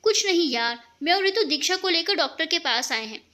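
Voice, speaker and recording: A woman's voice: very high-pitched, lively intonation, brisk, sharp tone, heavily acted. A woman voicing an exasperated young man complaining about his clumsy younger sister. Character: exasperated young man, scolding older brother.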